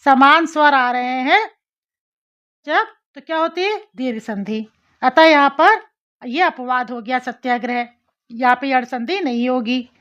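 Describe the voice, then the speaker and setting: High-voiced woman teaching a grammar lesson. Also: animated, unhurried, a bit bright. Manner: explains step by step, repeating syllables and asking rhetorical questions. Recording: slightly dull lo-fi audio.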